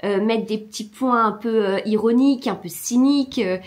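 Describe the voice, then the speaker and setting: A woman talking casually to her viewers about books. She hesitates constantly, full of fillers and half-started sentences. Now and then she sinks into a soft mutter as she searches through a book. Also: fairly high pitch, moderate pace. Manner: hesitant, many fillers and restarts. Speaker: book vlogger. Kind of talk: casual chat.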